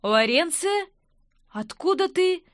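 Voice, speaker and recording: A woman's voice: very high voice, expressive, slow pace, a bit bright, no room sound, clean studio sound, pitched above the performer's own voice, heavily acted. A woman doing a wailing fat innkeeper. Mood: surprised. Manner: wailing, indignant, drawn out. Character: fat, cuckolded male innkeeper, middle-aged.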